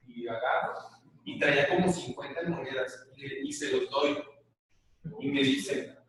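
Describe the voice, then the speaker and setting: A man's voice: mid-range voice, measured pace, fairly bright tone, slight background noise. A middle-aged man with a Mexican accent giving a live conference talk, telling jokey stories and checking in with the audience. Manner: joking storyteller who checks in with the audience. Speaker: lecturer on body language. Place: large echoey lecture hall. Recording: echoey hall, voice from far off.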